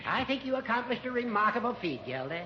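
An actor playing a genteel, teasing old judge with flowery speech, in old-time radio comedy style. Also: male voice, extremely high pitch, very animated, fast talker, bright, forceful tone, slight background noise, heavily acted. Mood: grandiloquent. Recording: echoey, dull old radio recording.

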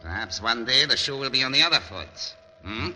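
An actor playing a cold Nazi lieutenant with a German accent, speaking formal, halting English with polite menace in a mid-century dramatic style. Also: male voice, mid-range voice, animated, pushed and bright. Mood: sly menace. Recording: muffled old film sound, reverberant hall, hiss.

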